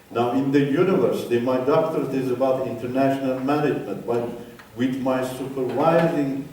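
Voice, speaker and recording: This is a personal testimony from an older guest speaker in an echoey church hall; he is from Iran, his first language is Turkish, and he talks emphatically in short, halting bursts. His voice is medium-pitched and mellow, recorded on a distant mic with a little hiss or hum.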